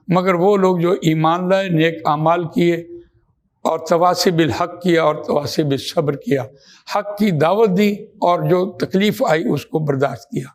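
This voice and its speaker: A man teaching how to read the Quran, explaining terms step by step and slowing down to recite verses. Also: high voice. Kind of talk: religious lesson.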